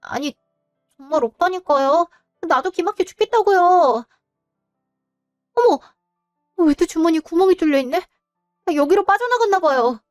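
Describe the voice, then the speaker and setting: A spoiled young sister-in-law whines and sulks defensively, played by a woman. The voice is high and bright with a dry close sound, and music sits faintly under it. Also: lively intonation, moderate pace, pauses often, dry recording. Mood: evasive. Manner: whiny, sulky and defensive.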